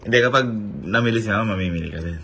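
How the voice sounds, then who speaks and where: A man vlogging in a relaxed, teasing way, chatting casually with his family and laughing often. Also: on the low side, very fast, gravelly, very noisy. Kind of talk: casual chat.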